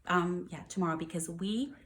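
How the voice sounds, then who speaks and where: An American woman who teaches first grade reads a story to little ones, explaining simply and asking questions to keep them with her. Her pitch is fairly low and her speed normal.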